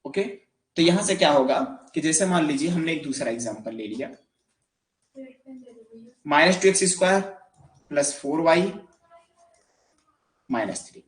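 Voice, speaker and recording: A man's voice: on the high side, lively intonation, unhurried, long pauses. Hindi-speaking man teaching math, echoey room. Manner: asks questions and answers them himself. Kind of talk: classroom lecture.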